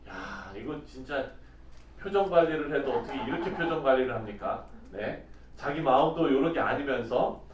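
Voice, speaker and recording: A male pastor giving an early-morning sermon, reading scripture slowly and asking his listeners questions in a conversational way. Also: medium pitch, dull audio, a little hiss or hum. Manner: reads scripture slowly and deliberately. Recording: echoey room, voice distant from mic.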